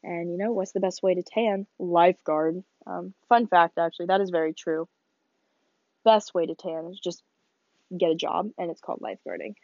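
A woman's voice: fairly low pitch, fairly even intonation, moderate pace, vocal fry, a little mellow, dry recording, highs cut off. A teenage woman hosting a casual solo podcast, chatty and rambling, sniffling and laughing as she talks. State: sniffly, coughing. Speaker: podcast host. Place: small bedroom.

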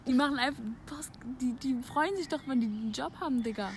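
A young woman chatting casually with a friend in an unhurried, slangy, matter-of-fact way. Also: high-pitched, a little hiss or hum. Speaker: podcast co-host. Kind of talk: casual chat among friends.

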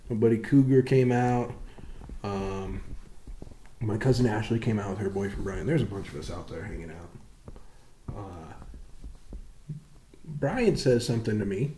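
A man in his twenties co-hosting a casual podcast, telling stories in a lively, profane way, often getting loud and laughing. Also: mid-range voice, echoey room, a little hiss or hum. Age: 20s. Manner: animated, swears a lot, gets loud and laughs while telling stories. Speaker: podcast co-host. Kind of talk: casual chat.

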